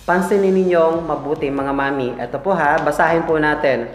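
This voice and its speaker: A man's voice: on the high side, normal speed. A man teaching a casual language lesson, playful and chuckling often as he drills words for his listeners to repeat. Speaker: English teacher. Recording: echoey room with faint music.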